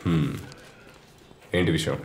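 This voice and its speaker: A terse, deep-voiced police inspector. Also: male voice, fairly even intonation, measured pace, a little hiss or hum. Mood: brusque. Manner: curt, questioning. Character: terse male police inspector, sharp-minded. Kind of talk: dubbed film acting. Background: film score.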